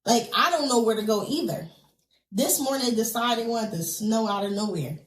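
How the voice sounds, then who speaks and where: Woman guest on a podcast, voice on the high side, recounting a story with lots of quoted back-and-forth, roomy echo around her. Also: moderate pace. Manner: earnest, vivid retelling with quoted dialogue and many fillers. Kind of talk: personal storytelling in a podcast conversation.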